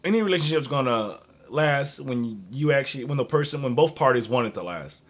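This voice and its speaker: A man's voice: mid-range voice, lively intonation, a little fast. A man in his early twenties with an American accent gives off-the-cuff relationship advice and personal anecdotes, rambling, often breaking off and repeating himself. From Minnesota, United States. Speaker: dating advice vlogger.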